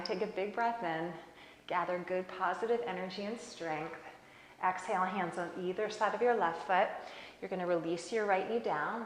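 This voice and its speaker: A woman teaching a slow-flow yoga class, giving calm, encouraging cues and laughing off small mishaps. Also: mid-range voice, slight background noise. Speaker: yoga instructor. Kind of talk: guided yoga class instruction. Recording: echoey room with long reverb.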